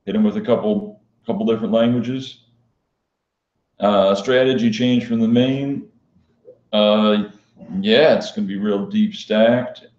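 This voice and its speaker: A low-voiced man speaks in a monotone, a little slowly, as a professional poker player and vlogger hosting a live stream with casual Q&A chat. His delivery is flat, unhyped, and matter-of-fact, and the sound is dull and lo-fi in an echoey room.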